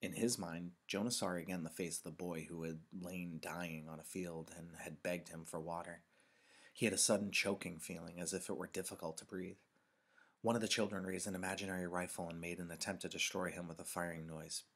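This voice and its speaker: A man with a very deep, low voice reads a novel aloud to his class. He tells the story in a measured, expressive way, slowing down and pausing for dramatic effect. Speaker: teacher reading a novel aloud. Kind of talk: read-aloud narration.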